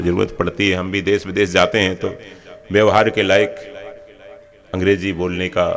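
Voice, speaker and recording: Man giving a devotional sermon, low voice, homely storytelling, jokey asides. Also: vocal fry, a bit bright. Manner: homely, anecdotal, with humorous asides. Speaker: religious preacher.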